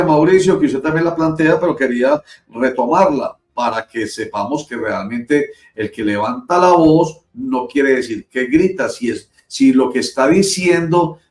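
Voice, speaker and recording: A man hosting an interview, framing long, discursive questions for his guest. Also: a little high. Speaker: interviewer host.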